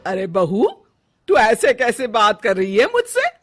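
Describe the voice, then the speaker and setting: Woman voicing a loud, bossy older mother-in-law. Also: fairly high pitch, wildly swooping pitch, slow, soft background music, voice pushed up, full character voice. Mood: affronted. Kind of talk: animated moral story dialogue.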